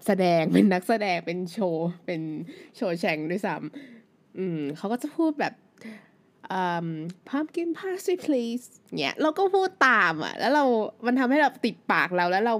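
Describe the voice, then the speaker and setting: A woman in her thirties hosts her own podcast, talking alone in an easy, rambling way. Her voice sits at a middling pitch for a woman. A native Thai speaker, she keeps the tone casual and conversational. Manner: chatty, loose and conversational, with many fillers. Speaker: podcast host. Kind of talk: casual solo podcast chat.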